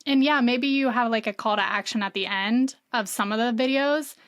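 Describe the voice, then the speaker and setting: A woman's voice: a little high, moderate pace, clear, resonant tone, dry recording, studio quality. A woman guest on a podcast, explaining marketing casually with many "like" fillers. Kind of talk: conversational interview.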